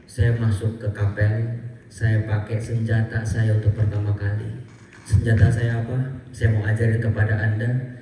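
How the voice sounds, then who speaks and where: Animated priest in a booming hall. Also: male voice, slight background noise. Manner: animated, self-mocking, acts out quoted voices with high sing-song pitch. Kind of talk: storytelling sermon. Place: large echoey hall with audience. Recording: reverberant hall, voice far from mic.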